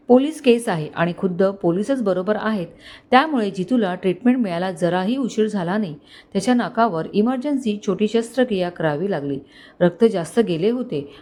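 A woman reads a family drama aloud as a storyteller, expressive and dramatic. Her narration is scripted and steady, at an everyday pitch.

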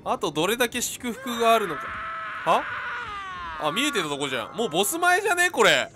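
A man's voice: high-pitched, big pitch swings, fairly quick, music in the background. A man commentating on his own video game play in a jokey, chatty way, talking back at enemies. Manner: jokey, talks to enemies, yells in panic. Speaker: game streamer.

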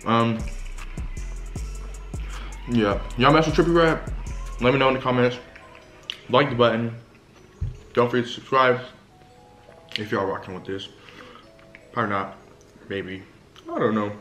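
Speaking slightly slowly with long pauses, this vlogger in his twenties has a medium-pitched, fairly bright voice as he eats on camera and chats in slang, rambling through mouthfuls. The large living room is reverberant, with faint music behind and the camera placed a short distance away.

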